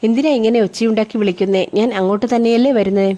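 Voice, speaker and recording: A woman voicing a relaxed, teasing young male college student in a storybook reading. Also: a little high, very fast, lightly acted. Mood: defensive.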